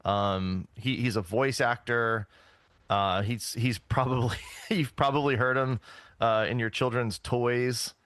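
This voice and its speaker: A man hosting a casual podcast, talking in a relaxed, rambling way full of fillers. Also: medium pitch, slow, smooth, no room sound. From United States. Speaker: podcast host.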